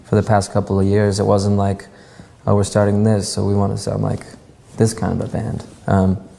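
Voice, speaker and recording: A man with a low, gravelly voice and a dark, mellow tone, answering interview questions in a loose, relaxed way. He hesitates often with ums and pauses. The sound carries a long reverb. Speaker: musician interviewee.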